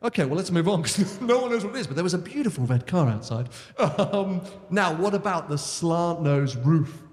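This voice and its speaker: A man's voice: a little high, expressive, normal speed, darkish tone. A British man chatting as the host of a live audience Q and A on stage. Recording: echoey hall, PA microphone.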